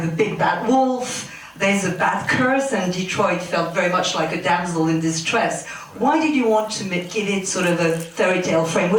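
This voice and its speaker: A woman's voice: medium pitch, a little hiss or hum. A woman interpreting and asking interview questions, hesitant and filler-heavy, recorded from far off in a very echoey room. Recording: very echoey, distant mic.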